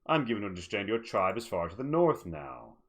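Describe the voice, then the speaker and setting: A man's voice: lowish voice, sing-song, brisk. A man playing a haughty, suspicious old bearded guardian of the woods in a tabletop game, speaking formally and accusingly. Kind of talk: tabletop role-play in character.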